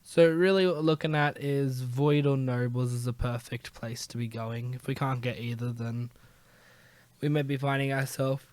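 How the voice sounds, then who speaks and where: A young man from Australia giving casual gameplay commentary in a relaxed, rambling way, with many "um"s and yawns. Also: medium pitch, moderate pace, few pauses, no room sound. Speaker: gaming YouTuber.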